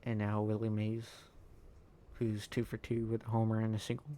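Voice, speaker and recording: Male gaming voice-over, low-key and monotone, hesitant delivery, dark mellow tone over faint hiss. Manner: low-key, halting, lots of ums and uhs. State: tired, yawning. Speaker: gaming YouTuber. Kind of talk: recorded voice-over commentary on own gameplay.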